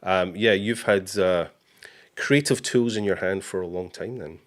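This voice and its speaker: A man hosting a live interview show with a very low, deep voice. He talks casually, reading out viewer comments and greeting people, with relaxed "uh"s and "um"s between them. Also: unhurried. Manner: casual, reads viewer comments aloud with fillers. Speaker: host.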